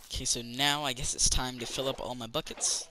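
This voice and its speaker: A man's voice: medium pitch, fairly even intonation, brisk, music in the background, poor audio. A man chatting casually as he plays a building game for his channel, rambling with lots of fillers and restarts. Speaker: gaming channel host. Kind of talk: casual let's-play commentary.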